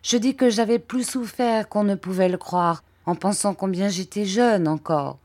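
A woman reading a classic novel aloud as audiobook narration in a measured, even storytelling manner. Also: mid-range voice. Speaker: audiobook reader. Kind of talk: scripted narration.

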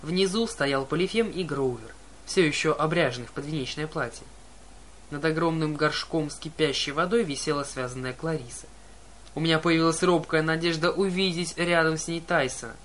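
A man narrating an audiobook in a lively first-person storytelling manner. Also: on the high side, a little hiss or hum. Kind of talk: audiobook reading.

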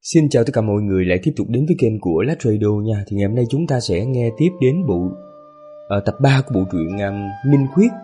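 A man with a hoarse voice narrating a serialized story as the channel host, in a relaxed, chatty way. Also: fairly low pitch, fast talker, soft background music. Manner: relaxed, chatty asides with fillers.

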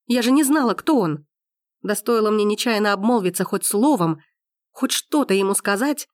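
A woman voices a fiery, indignant young heroine, heated and accusing, with frequent exclamations. Her mid-range voice is pitched above her own natural one yet stays close to everyday speech. The recording is clean studio sound with no room noise.

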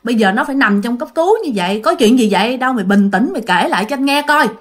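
A man's voice: very high voice, expressive, very fast, fairly bright tone. A woman voicing a blunt young man woken at night, firing off urgent questions. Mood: urging calm. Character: older male friend woken at night, brusque.

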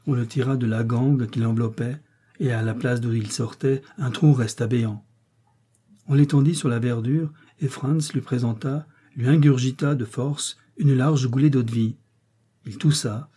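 A man narrating an adventure novel in a measured, dramatic way. His voice is dark and husky, with a mid-range pitch. He keeps a steady, even reading pace. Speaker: audiobook reader. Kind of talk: literary narration.

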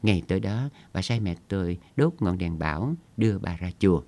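Deep-voiced male story narrator. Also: expressive, brisk, a little mellow. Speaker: audiobook narrator.

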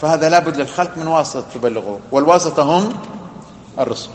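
A man's voice: fairly high pitch, lively intonation, fast talker. A man teaching a religious lesson, explaining a text with emphatic, repeated phrases and long lists. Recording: echoey hall.

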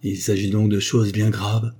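A man reading a novel aloud, voicing a frightened old nobleman who stammers and speaks in a faltering, hushed way. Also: fairly low pitch, little pitch movement, moderate pace, slightly rough. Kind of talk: audiobook character voice.

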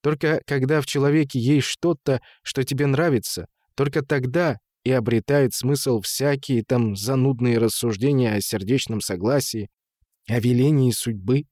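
Male narrator, mid-pitched, measured literary read, dry booth. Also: darkish tone, no echo.

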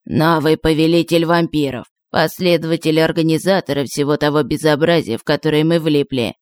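A woman reading an audiobook, voicing a shrewd old witch with a calm, knowing manner. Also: low voice, fairly quick, clean tone, no room sound, lightly acted.

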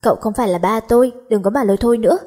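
Woman doing a feisty schoolgirl, snappy comebacks, soft breathy voice. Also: on the high side, racing. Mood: teasing. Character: sharp-tongued teenage schoolgirl, feisty and bold.

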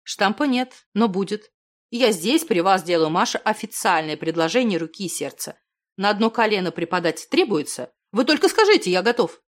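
A woman reading an audiobook, voicing a determined young man who declares his love in a crisp, firm way. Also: mid-range voice, big pitch swings, normal speed, close to an everyday voice. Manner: crisp, firm, soldierly delivery. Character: determined young man, a lover proposing firmly.

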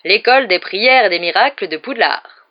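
A woman reading aloud and voicing a big, gentle, kindly man in a calm, soothing tone. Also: medium pitch, moderate pace, highs cut off, close to an everyday voice.

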